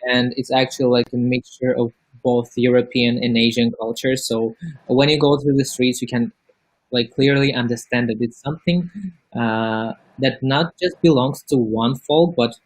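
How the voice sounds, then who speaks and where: Man from Kazakhstan, panel guest, relaxed loose talk, dry sound, mid pitch. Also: moderate pace, dry recording, low-quality recording. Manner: relaxed, loose with many likes.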